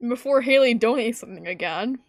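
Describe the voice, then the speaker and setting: A woman's voice: a little high, expressive, fast, dry recording. Giggly woman streamer, dry close mic. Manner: giggly, rambling, laughs often. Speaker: streamer host. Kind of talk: casual chat.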